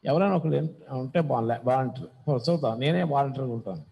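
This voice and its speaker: A pastor from South India preaching a sermon in a church hall, animatedly retelling scripture as a story and mixing in English words. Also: male voice, medium pitch, fast, creaky, slightly rough, lo-fi sound.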